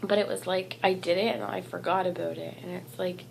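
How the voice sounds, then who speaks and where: A woman delivers a channelled tarot reading, soft-spoken and reassuring, often circling back and restarting her thoughts. Her voice is gravelly and worn, as if she is losing it, with a faint hiss of noise behind her. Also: lowish voice, level tone, fairly quick, poor audio. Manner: gentle, encouraging, rambling with restarts. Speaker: tarot reader.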